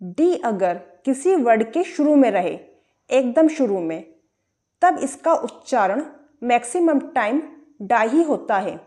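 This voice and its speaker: A woman's voice: fairly high pitch, big pitch swings, slow pace, warm tone. A woman teaching English pronunciation, spelling words out letter by letter and asking and answering her own questions. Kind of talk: explaining pronunciation rules.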